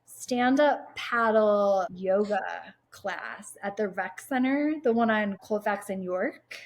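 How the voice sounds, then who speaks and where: A woman's voice: medium pitch, takes it slowly. A woman who is a Pilates instructor, a guest in casual chat, upbeat and peppering her talk with "like" and "right?". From United States.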